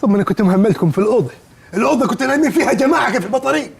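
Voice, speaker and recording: A high, gravelly Upper Egyptian village boss who jeers and scolds at top speed. His voice leaps all over in sitcom bluster, with faint music under it. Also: expressive, very fast, slight background noise, heavily acted. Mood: mocking. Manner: scolding, sarcastic, insulting. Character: bossy loud male village head, mocking. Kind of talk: sitcom acting.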